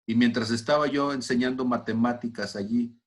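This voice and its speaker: A man preaching a personal testimony, swinging between loud exclamations and hushed, almost whispered lines. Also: mid-range voice, steady tone, moderate pace. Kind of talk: testimony sermon.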